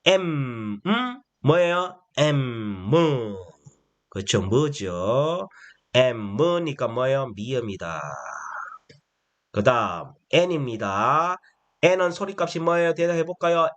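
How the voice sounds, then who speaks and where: A man's voice: fairly high pitch, lively intonation. A man teaching a phonics lesson to older learners, asking questions again and again and pushing out each letter sound for them to repeat. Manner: slow, repetitive call-and-response questioning; prompts answers with emphatic letter sounds.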